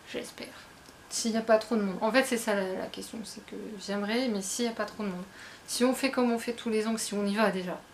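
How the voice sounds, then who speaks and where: A woman's voice: on the high side, slight background noise. Chatty woman book vlogger, self-mocking. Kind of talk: casual chat.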